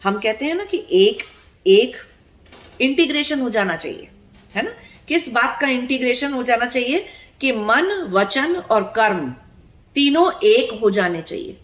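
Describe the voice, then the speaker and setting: A woman with a somewhat high voice delivers a spiritual discourse in an earnest, explanatory way. She keeps checking in with her listeners through rhetorical questions and repeats key words for emphasis. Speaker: spiritual teacher.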